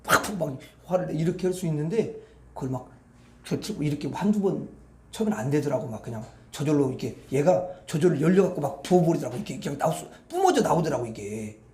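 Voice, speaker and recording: Pastor guy preaching, kinda high voice, chatty, keeps asking the crowd stuff, echoey church room. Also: very animated, quick pace, darkish tone. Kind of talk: evening prayer meeting sermon.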